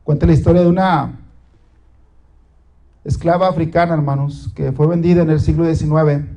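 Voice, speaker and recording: A male pastor with a notably high voice, preaching a sermon. He builds with dramatic pauses and repeated phrases. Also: steady tone, dark tone, low-quality recording.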